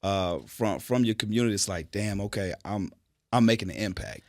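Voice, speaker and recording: A man hosting a casual interview, relaxed and stumbling over his words as he asks questions. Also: on the low side, a little fast, dry recording. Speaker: interview host.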